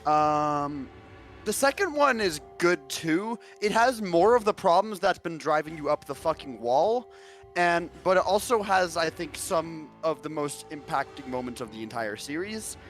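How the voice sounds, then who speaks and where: Chill guy friend on a stream, cursing a lot, a bit high-pitched. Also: animated, measured pace, fairly bright tone, soft background music. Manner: laid-back, swears, laughs. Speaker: co-host friend. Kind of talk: casual chat.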